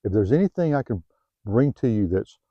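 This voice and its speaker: Earnest low-voiced Southern man. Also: sing-song, a little fast, no room sound, highs cut off. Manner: heartfelt, repetitive, restarts phrases, softens when personal. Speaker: self-help vlogger. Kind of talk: earnest motivational talk to camera. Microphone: new home-video mic, dull sound.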